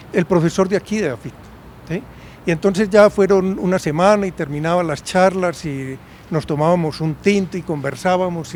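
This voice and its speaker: A man's voice: a little high, darkish tone, a little hiss or hum. Man in his sixties, chatty storyteller. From Medellín, Colombia. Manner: conversational, often checks in with a questioning "right?". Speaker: university professor. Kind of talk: storytelling in an interview.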